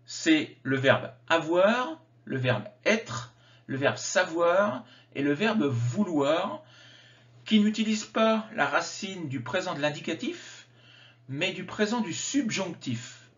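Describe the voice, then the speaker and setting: A man gives a grammar lesson in a high, measured voice, pronouncing each example form slowly and deliberately. The recording sounds slightly dull and lo-fi. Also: expressive, fairly bright tone. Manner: slow, careful enunciation of example words. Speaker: French teacher.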